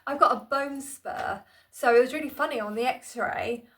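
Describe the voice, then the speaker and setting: At a normal speed and in a high-pitched voice, a woman vlogs into her phone camera, set on a tripod in a small room at home. Her chat is rambling and self-deprecating, full of "um"s and restarts.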